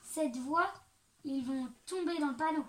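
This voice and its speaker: A woman's voice: high voice, measured pace, a bit bright, far from the mic. A woman voicing a sly, hungry male wolf in a storybook reading, growling and scheming. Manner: growling, then whining when pleading.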